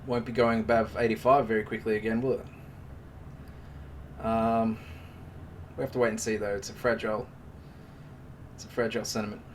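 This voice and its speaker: A man's voice: lowish voice, level tone, moderate pace, long pauses, recorded from a distance, a little hiss or hum. A man hosting a trading live stream, giving casual, joking market commentary and calling viewers "mate". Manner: chatty and joking, talks to the viewers as mates.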